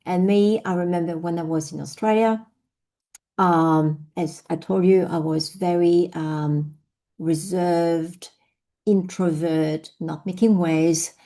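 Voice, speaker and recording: Speaking slowly in a fairly low, mellow voice with fairly even intonation, a middle-aged woman from France reflects on her personal story, often using fillers and restarting. She has a French accent and is an invited speaker in an online session.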